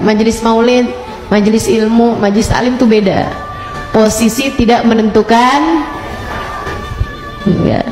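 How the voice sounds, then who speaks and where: Woman preacher acting out a story in her talk, kinda high voice, roomy reverb, faint music in the background. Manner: animated storyteller, voicing the people in her story. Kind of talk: religious lecture with storytelling. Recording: echoey hall with faint music.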